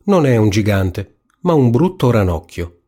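A man's voice: on the low side, very animated, a little slow, warm tone, breathy edge, full character voice. A man voicing a spoiled young princess in a storybook reading, whiny and raised. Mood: pleading.

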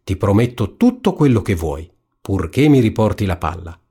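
A man's voice: fairly low pitch, very animated, moderate pace, dark tone, breathy edge. Man voicing a spoiled young princess, whiny, raised voice, storybook. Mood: pleading. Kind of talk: storybook reading.

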